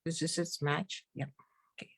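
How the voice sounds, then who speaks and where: A woman teaching a live virtual card-making class, chatty and quick to laugh at her own slip-ups. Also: low voice, little pitch movement, slightly rough, dry recording.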